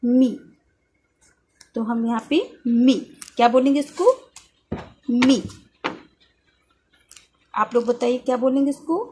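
A woman teaching young children, slowly repeating each syllable for them to echo. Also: high-pitched, a little mellow, a little hiss or hum.

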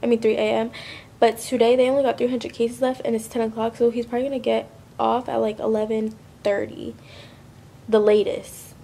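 Young woman vlogging, stuffy sick voice, gravelly fry, high-ish pitch, faint hiss behind. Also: little pitch movement, fairly quick, dark tone. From Florida. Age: 20s. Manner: chatty, slangy, rambling. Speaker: lifestyle vlogger. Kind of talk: casual vlog chat to camera.

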